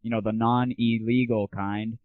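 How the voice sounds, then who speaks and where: A man hosting a casual audio show rants about gaming and music in a blunt, irreverent, exasperated way. His voice is medium-pitched, level in tone and a little slow, recorded dry with tinny, phone-like lo-fi 1990s quality.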